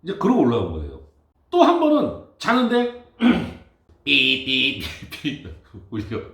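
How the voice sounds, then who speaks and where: A man who works in building facility management, telling an exasperated, animated story about his job in a casual monologue. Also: mid-range voice, takes it slowly, creaky, echoey room. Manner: animated, exasperated anecdote telling with acted-out quotes.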